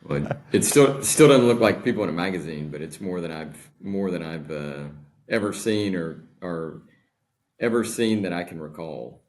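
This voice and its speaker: This is a man in his forties being interviewed as a guest. His voice sits very low and deep. He speaks in a measured, deliberate way, like someone in a relaxed conversation. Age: 40s. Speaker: podcast guest. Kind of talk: casual interview talk.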